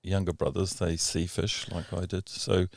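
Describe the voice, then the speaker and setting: A man's voice: low-pitched, level tone, normal speed, creaky, dry recording, studio quality. A man in his sixties from New Zealand with a New Zealand accent, giving plain, brief answers in a casual interview. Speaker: interview guest.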